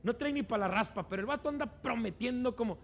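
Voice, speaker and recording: A pastor preaching a sermon, acting out quoted voices with animated delivery. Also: male voice, very high-pitched, fast, creaky.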